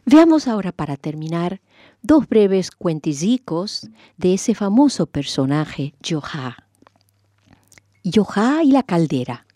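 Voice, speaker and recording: A woman reciting proverbs, riddles and rhymes in a slow, deliberate manner, her pitch rising and falling with feeling. Her voice sits fairly high and sounds close and dry. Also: very animated, mellow, no echo. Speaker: presenter of folk sayings.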